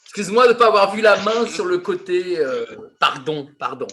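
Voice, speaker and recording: High-voiced improv teacher, man. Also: animated, fairly quick, sharp tone. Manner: explains patiently, repeats key points. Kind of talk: coaching an improv class.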